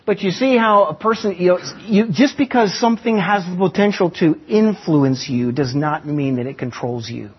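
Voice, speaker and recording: Husky preacher, dull lo-fi recording. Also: male voice, sits high. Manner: teaching with illustrations and slow emphatic pauses. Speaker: pastor. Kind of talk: sermon.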